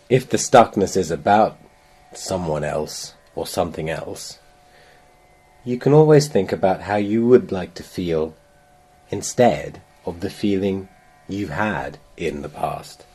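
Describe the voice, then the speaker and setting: Guiding a meditation, a man with a very low, dark voice speaks very slowly and gently, his measured phrases separated by long pauses. His tone is mellow and slightly breathy, offering slow, soothing instruction.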